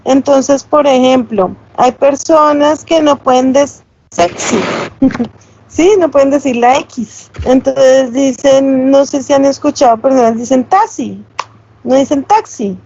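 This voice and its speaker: High-voiced woman teaching class. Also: fairly even intonation, a little slow, vocal fry, darkish tone, slight background noise. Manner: explanatory, checks with tag questions. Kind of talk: online class lecture. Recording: slightly dull, lo-fi sound.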